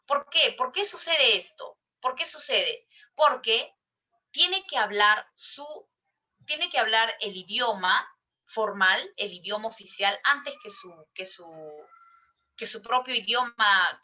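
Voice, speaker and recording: Peruvian woman teacher, bright, slightly high voice, lectures and quizzes the class, repeats phrases. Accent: Peruvian Spanish. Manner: asks the class questions and repeats herself often.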